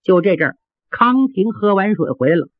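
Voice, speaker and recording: Lively storyteller with a husky voice. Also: mid-range voice, brisk, dry recording. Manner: lively, swooping delivery. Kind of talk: traditional Chinese storytelling. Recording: dry, tinny phone-like sound.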